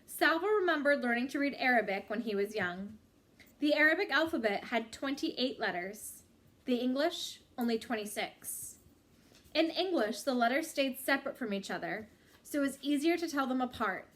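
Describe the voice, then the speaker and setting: Reading a chapter from a book, this woman's voice sits high. She narrates expressively at a measured pace, stretching out her phrases.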